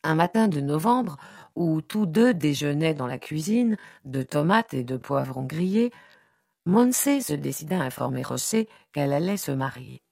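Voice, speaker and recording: A woman narrates a literary novel with measured expression. Her voice sits low and carries a gravelly fry. The recording is close and dry. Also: animated, darkish tone, dry recording. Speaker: audiobook narrator. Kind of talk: literary audiobook reading.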